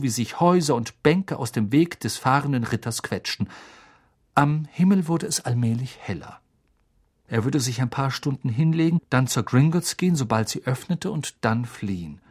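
A man narrating a novel as an audiobook, in an expressive storytelling manner. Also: medium pitch. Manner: expressive, lively storytelling delivery.

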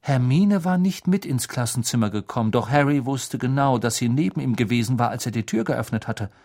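A man narrating an audiobook in a steady, even storytelling manner. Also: medium pitch, fairly quick. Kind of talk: scripted narration.

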